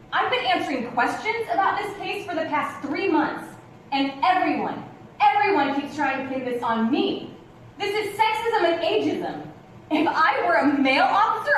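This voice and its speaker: An actress with a high voice plays a defensive, condescending veteran policewoman in a live stage play, patronizingly calling people darling and hun. The sound is captured by a distant camera from far off on an echoey theatre stage with rows of seats, and it is noisy.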